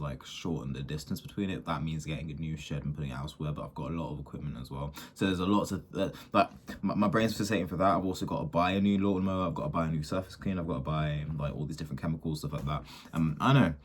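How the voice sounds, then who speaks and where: Rambling husky young man. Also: deep voice. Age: 20s. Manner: rambling, self-interrupting, many fillers. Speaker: small business owner. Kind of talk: casual thinking-out-loud monologue.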